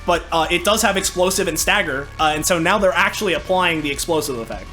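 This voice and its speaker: Man, tabletop player, rambling, lots of fillers, fairly high voice. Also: fast, sharp tone, faint music behind. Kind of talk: tabletop game play.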